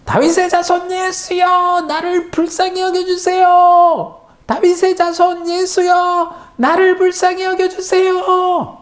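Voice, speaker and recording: A blind beggar wailing high and slow. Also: male voice, monotone. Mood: pleading wail. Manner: cries out in long drawn-out wails. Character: desperate blind beggar man, pleading.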